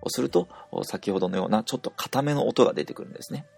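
Gravelly low-voiced Japanese man teaching. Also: expressive, darkish tone, soft background music. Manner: patient, explanatory, pauses often to demonstrate sounds. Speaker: language teacher. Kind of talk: audio language lesson.

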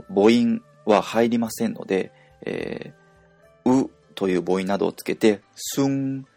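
Low gravelly man teaching pronunciation. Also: darkish tone, dry recording. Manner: slow and explanatory, with many hesitation fillers. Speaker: language teacher. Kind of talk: spoken pronunciation lesson.

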